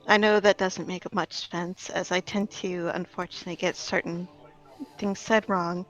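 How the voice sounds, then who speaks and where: A woman playing a gentle, earnest fae-touched woman in a tabletop game, speaking in measured, philosophical riddles. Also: fairly low pitch, little pitch movement, lo-fi sound, faint music behind, close to an everyday voice. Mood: earnest, reflective.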